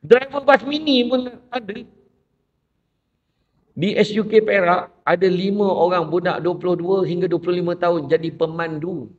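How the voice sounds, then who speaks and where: A man's voice: high-pitched, normal speed. Distant man with a Malaysian Malay accent. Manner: animated storyteller who acts out quoted voices. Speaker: panelist and motivational speaker. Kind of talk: lively debate talk show. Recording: distant, dull lo-fi sound.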